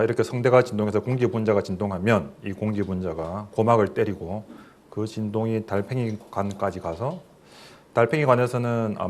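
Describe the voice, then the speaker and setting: A man's voice: fairly low pitch, slight background noise. A middle-aged man, a professor, giving a recorded lecture in a plain explanatory way, with fillers and questions to the listeners.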